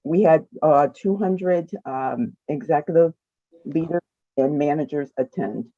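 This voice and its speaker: A woman's voice: a little slow, no room sound. Muffled woman on a remote call. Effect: muffled, low-quality audio over a remote computer link. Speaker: county human resources director. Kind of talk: answering questions at a public meeting. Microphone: computer mic on a remote call.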